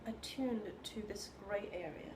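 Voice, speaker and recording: A woman from China who speaks English, a composer answering interview questions in a thoughtful, halting way and searching for her words. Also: medium pitch. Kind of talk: reflective conversation. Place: room in New York. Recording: roomy sound with steady background noise.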